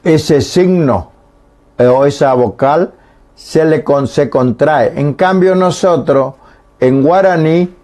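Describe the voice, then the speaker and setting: A man with a fairly high pitch and darkish tone gives a radio lesson in Guarani. Into a studio microphone, he explains things slowly and patiently, demonstrating each vowel sound out loud.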